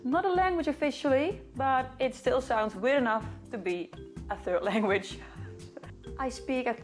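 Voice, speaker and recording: A young woman from the Netherlands, a violinist and video host, chats casually in a high voice at a normal pace, answering questions to camera with a Dutch accent. She sits in a small living room in front of bookcases, with soft music playing in the background.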